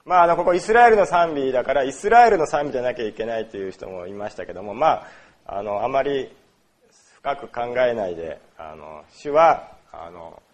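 A man's voice: mid-range voice, animated, brisk. A man from Osaka preaching a sermon in a conversational way, with many fillers and questions put to the congregation. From Osaka, Japan. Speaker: pastor. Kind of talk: sermon on worship.

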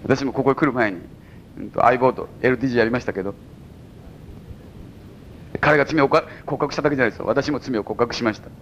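A man with a Mikawa Japanese accent preaching a sermon as pastor to a congregation, with sudden high exclamations and chuckles. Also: fast, long pauses, fairly bright tone, muffled recording, slight background noise. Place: church service before a congregation.

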